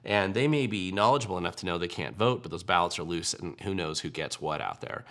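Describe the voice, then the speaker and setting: A low-pitched man with a gravelly, bright edge to his voice answers viewer questions on a livestream. His talk is casual and wry, full of ums and restarts. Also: fairly quick. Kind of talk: casual political commentary livestream.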